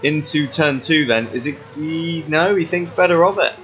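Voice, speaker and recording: A man's voice: a little high, normal speed, a bit bright, dull audio, a little hiss or hum. Bantering male race commentator. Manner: chatty, self-correcting, bantering. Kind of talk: casual sim-racing commentary. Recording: music playing behind.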